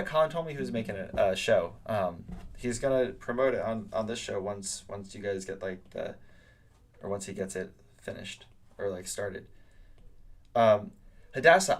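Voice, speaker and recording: A young man teaching art, chatting loosely while he draws and answers live chat comments. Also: fairly low pitch. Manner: rambling, with many fillers, reads out chat comments. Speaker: art teacher hosting a live drawing stream. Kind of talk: casual live-stream chat while drawing.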